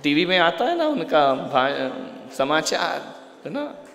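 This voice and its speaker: A man preaching a sermon, swinging between booming lines and quiet asides, with humor and little acted scenes. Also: slow, a little hiss or hum. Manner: animated, swings from loud to quiet, mimes, jokes. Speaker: Jain preacher. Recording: echoey hall with long reverb.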